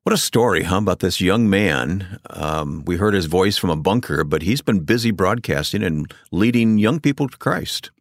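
A man's voice: low-pitched, animated, normal speed, few pauses, dry recording, studio quality. A man hosting a conversational broadcast interview. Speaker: radio host.

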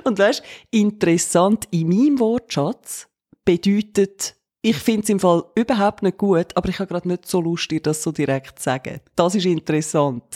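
A young woman with a Swiss German accent co-hosts a podcast. She talks in a relaxed, conversational way. Now and then she slips playfully into imitations of the people she quotes. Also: mid-range voice, moderate pace. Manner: playful, acts out quoted voices. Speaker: podcast co-host. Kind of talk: casual podcast chat.

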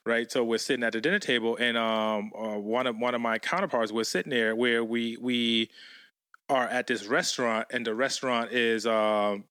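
Bright-voiced American man telling stories. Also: mid-range voice, normal speed, smooth, no echo, clean studio sound. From United States. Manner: animated, slangy, many restarts. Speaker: guest. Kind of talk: casual storytelling interview.

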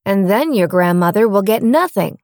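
A woman voicing a caring mother in a storybook reading, gently giving careful instructions. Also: medium pitch, lively intonation, moderate pace, dry recording, clean studio sound, lightly acted. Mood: instructing. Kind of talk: storybook read-aloud.

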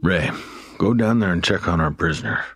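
A man playing a gruff, deep-voiced sheriff. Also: animated, moderate pace, fairly bright tone, slight background noise. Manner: brusque, commanding. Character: gruff, tired middle-aged male sheriff.

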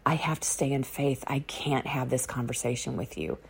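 Low, gravelly-voiced woman giving testimony. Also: steady tone, moderate pace. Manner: earnest, repeats key phrases for emphasis. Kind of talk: personal faith testimony. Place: outdoors on a dark autumn morning.

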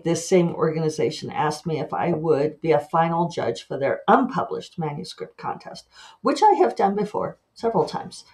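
A podcast host and author talks through a casual monologue on her own show, lively and animated, tossing in quick asides and laughing at herself. Her pitch jumps around when she acts out her own thoughts.

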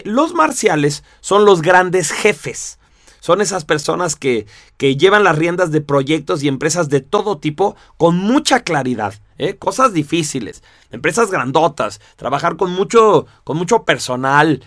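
A man teaching in a lively, chatty way, with a fairly high voice. He keeps checking in with his listeners through rhetorical asides, and the sound is close and dry, with no room around it. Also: no room sound. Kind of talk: explanatory talk to an audience.

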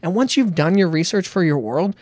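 A man's voice: high voice, brisk, no room sound. Laid-back male game master, dry mic. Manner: animated, laughs often, restarts. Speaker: podcast co-host and game master. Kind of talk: casual chat.

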